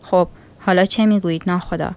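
A woman's voice: fairly low pitch, steady tone, a little mellow, close to an everyday voice. Menacing nasal scar-faced man voiced by a woman narrator, breathless and threatening; storybook reading.

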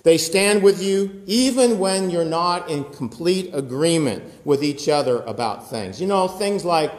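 A pastor in his fifties preaches conversationally in a high-ceilinged church sanctuary, gesturing and throwing in asides. His voice sits on the high side, with lively intonation and an unhurried pace. A phone camera films him close up from below, and the room adds long, echoing reverb.

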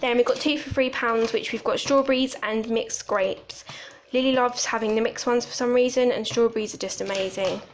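A woman's voice: a little high, fairly even intonation, moderate pace, a little hiss or hum. A young woman from the UK chatting casually through a grocery haul, listing items with small asides, recorded on a phone in her home kitchen. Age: 20s. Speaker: vlogger.

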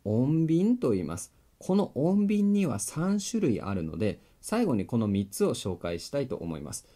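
A man's voice: mid-range voice, big pitch swings, normal speed, mellow. A man teaching a grammar video lesson, explaining step by step in a friendly way and checking in with the viewer as he writes on a board. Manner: writes on a board while talking.

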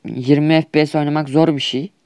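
A man's voice: fairly high pitch, fairly even intonation, brisk, a little mellow, no room sound, clean studio sound. A young man with a Turkish accent, trash-talking over mobile shooter gameplay in a whiny, exasperated comedic skit. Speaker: gaming YouTuber.

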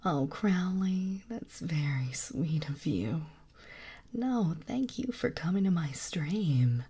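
Soft slow whispery lady streamer, mellow tone, sweet with her chat. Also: on the low side, animated, husky. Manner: gentle, affectionate, reads chat aloud. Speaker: ASMR streamer.

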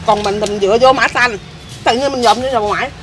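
A woman excitedly telling what she saw, in casual chat. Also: a little high, quick pace, background noise. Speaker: interviewee telling a ghost sighting. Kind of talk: casual storytelling.

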